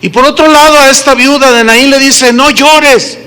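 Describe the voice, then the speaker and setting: A man's voice: extremely high pitch, fairly even intonation, fairly quick, bright, forceful tone. A man with a Mexican accent preaching a sermon to his congregation, telling stories and asking them questions. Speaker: pastor. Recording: long hall reverb.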